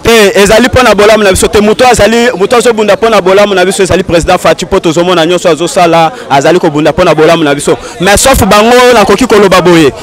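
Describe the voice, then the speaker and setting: A man's voice: sits high, very fast, few pauses. A man giving an earnest, insistent street interview outdoors in a city. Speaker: interviewee, party supporter.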